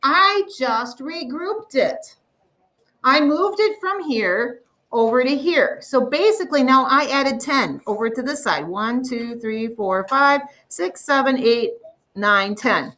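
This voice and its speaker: A woman teaching a math lesson to a classroom, explaining step by step and slowly drawing out the numbers. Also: high voice, lively intonation, fairly bright tone, far from the mic, low-quality recording.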